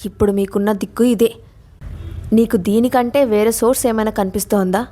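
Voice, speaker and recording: A woman's voice: a little high, steady tone, brisk, mellow, lightly acted. A woman voicing an anxious, pleading young friend. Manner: pleading, soothing.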